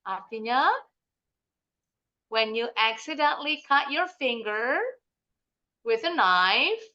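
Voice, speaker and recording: A young Indonesian woman teaching English to children in a video call, explaining with lively, sing-song questions. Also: a little high, slow pace. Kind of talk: online kids' English lesson. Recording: dull lo-fi video call audio.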